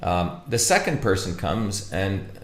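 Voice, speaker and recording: A man from India, giving an informal lecture with stories, halting and full of fillers and restarts. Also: deep voice, very animated, roomy sound. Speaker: speaker presenting a talk.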